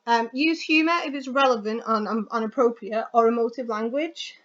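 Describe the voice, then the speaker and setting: A woman's voice: fairly high pitch, a bit bright. Chatty woman teacher, lo-fi sound. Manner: chatty, quick, self-correcting, pauses with ums. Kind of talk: recorded classroom lesson. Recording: dull lo-fi sound.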